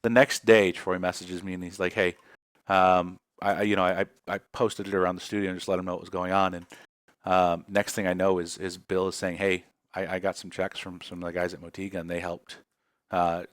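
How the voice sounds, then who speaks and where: A man's voice: deep voice, flat delivery, a little fast, no room sound. A man hosting a casual community livestream chat, rambling and emotional, with many restarts. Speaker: community podcast host.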